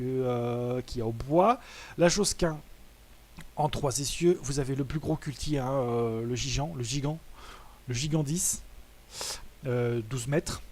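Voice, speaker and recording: A man's voice: fairly high pitch, darkish tone. A young man giving casual, rambling commentary while showing his gear in a video game, full of fillers and tag words. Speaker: gaming video host. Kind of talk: casual let's-play commentary.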